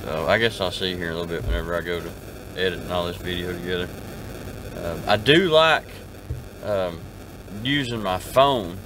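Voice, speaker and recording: A man in his forties with a drawl, rambling on in a relaxed, easygoing way and restarting his sentences a lot. His voice sits fairly low. He's talking to a camera held close in the cab of a parked truck. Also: normal speed, background noise. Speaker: trucker vlogger. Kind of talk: casual vlog chat to camera. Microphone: camera at arm's length.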